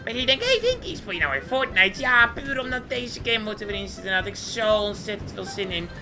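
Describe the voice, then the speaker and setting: A performer voicing a squeaky, hyper, cartoonish young male gamer, chattering boastfully through gameplay commentary. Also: fairly quick, background noise. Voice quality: squeaky, swooping, with sudden high squeals. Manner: excitable, boastful, chatters nonstop at the screen. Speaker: game commentator.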